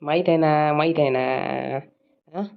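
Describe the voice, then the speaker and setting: A woman's voice: low voice, fairly even intonation, moderate pace, lo-fi sound, close to an everyday voice. A woman voicing a sly, wheedling village schoolboy in a cartoon. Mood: sly teasing. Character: Pappya, sly village schoolboy, pleading and cheeky.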